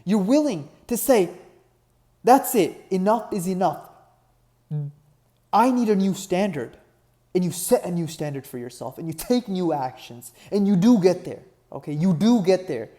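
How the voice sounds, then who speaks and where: A man's voice: high-pitched, expressive, normal speed, warm tone. Fired-up young motivational coach, man. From Nepal. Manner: earnest, repeats "right?" constantly, builds to emphatic peaks. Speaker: online fitness business coach. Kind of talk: motivational talk to camera.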